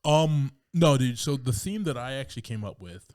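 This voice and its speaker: A man co-hosting a casual movie-review podcast, relaxed and chatty, often calling his friend "man" and "brother.". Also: medium pitch, moderate pace, dry recording, studio quality. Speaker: podcast co-host.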